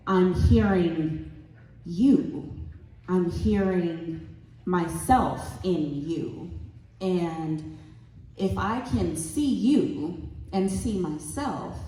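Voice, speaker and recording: Slow, mellow-voiced woman on a panel. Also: fairly low pitch. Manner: earnest, heartfelt and reflective. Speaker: panelist, parent of a child who stutters. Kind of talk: panel discussion talk. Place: convention hall stage. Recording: echoey hall, voice far from mic.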